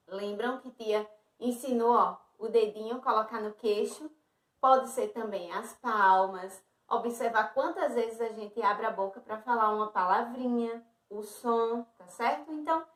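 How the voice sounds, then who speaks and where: A woman with a Brazilian Portuguese accent teaching young children in a slow, sing-song, encouraging way. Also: fairly high pitch, pushed and bright, recorded from a distance. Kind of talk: online lesson for young children. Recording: roomy echo, a bit off-mic.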